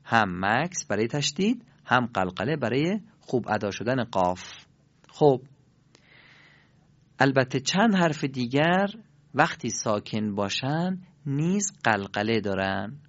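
A man teaching Quran recitation in a recorded lesson, demonstrating sounds slowly and asking learners to repeat after him. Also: mid-range voice, very animated. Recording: dull lo-fi recording.

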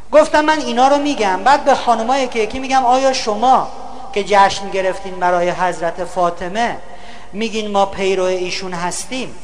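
A man with a high voice gives a lecture on values. He keeps it humorous, telling stories and imitating other people's voices to get laughs. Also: slight background noise. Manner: storytelling, mimicking others for laughs. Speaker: public speaker.

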